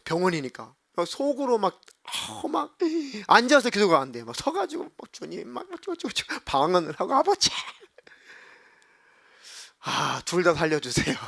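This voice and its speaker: With a gravelly, somewhat high voice at normal speed, a middle-aged pastor preaches to young people, narrating a story and performing the people in it. He's animated and teases his audience with playful scolding. The sound is studio-clean, without echo.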